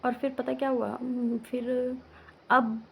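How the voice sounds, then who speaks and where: Young woman with a gravelly voice. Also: on the high side, little pitch movement, slow pace, slight background noise, low-quality recording. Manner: emotional, rambling with many restarts and fillers. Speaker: vlogger. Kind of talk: casual personal storytelling. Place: village home, indoors.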